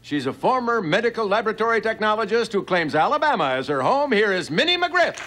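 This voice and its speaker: High, animated male game show announcer. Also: fast talker. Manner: showy prize-plug delivery. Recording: vintage TV studio, music and crowd.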